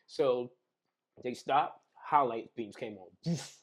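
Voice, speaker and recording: A man's voice: medium pitch, slow. Young man telling wild stories, slang-heavy. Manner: animated storyteller, heavy slang, acts out scenes with sound effects. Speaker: podcast guest. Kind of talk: casual conversation over drinks.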